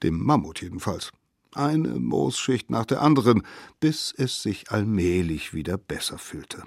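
A man reading a children's story aloud in a slow, expressive and playful way. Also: on the low side, creaky, no room sound, clean studio sound.

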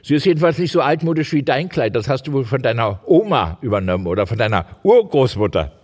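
Spirited, quick-tempered schoolgirl read by a man in his own voice, middle pitch, hall echo. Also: very animated, a little mellow. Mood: defiant. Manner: read in the reader's own voice, barely changed. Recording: reverberant hall.

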